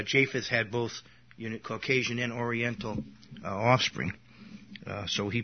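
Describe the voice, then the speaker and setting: A man teaching an informal Bible lesson, rambling and restarting his sentences, with an occasional cough. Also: lowish voice. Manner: rambling, with frequent restarts and asides. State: coughing now and then. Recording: dull lo-fi recording.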